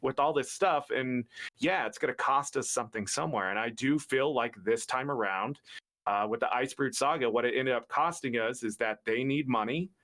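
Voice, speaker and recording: A man on a podcast, earnestly talking through his view in a reflective, steady way. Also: mid-range voice, moderate pace. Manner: earnest, reflective, building an argument. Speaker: podcast guest. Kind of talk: casual podcast discussion.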